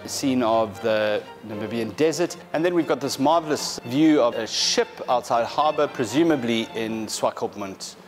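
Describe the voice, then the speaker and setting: A man in his thirties, an art specialist, talking through paintings in a large gallery hall in a measured, explanatory way, with frequent fillers and restarts. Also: mid-range voice, faint music behind. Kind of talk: gallery presentation.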